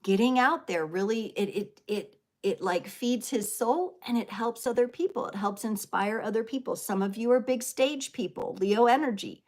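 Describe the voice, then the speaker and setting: A woman's voice: on the high side, normal speed, few pauses, a little mellow. A woman in her thirties hosting a live tarot stream, talking in an earnest, emotional way, a little teary, with lots of fillers and "right?". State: teary, sniffling. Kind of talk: live stream spiritual talk.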